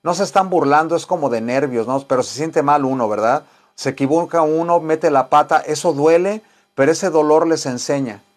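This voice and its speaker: Encouraging Mexican Spanish English teacher. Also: male voice, on the high side. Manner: encouraging, rambling, slows down for example sentences. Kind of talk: online English lesson.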